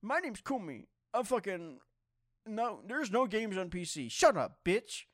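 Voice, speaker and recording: A man's voice: big pitch swings, a little slow, a bit bright, no room sound, clean studio sound, heavily acted. A man putting on a mocking impression of a whiny young male friend who nags and complains. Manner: nagging, high-pitched mimicry.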